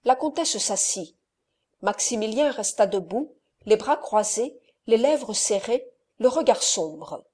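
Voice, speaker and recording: A woman narrating a classic French novel as an audiobook in an even, measured reading. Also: on the high side. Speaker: audiobook reader. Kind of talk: scripted narration.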